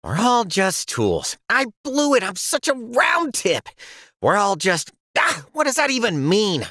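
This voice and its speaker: A nervous young pen from a cartoon, stammering and doubting himself. His bright voice leaps up and down in pitch, heard close and dry. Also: wildly swooping pitch, measured pace, no room sound, exaggerated voice. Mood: dejected. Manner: stammering, anxious. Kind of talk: animated cartoon voice acting.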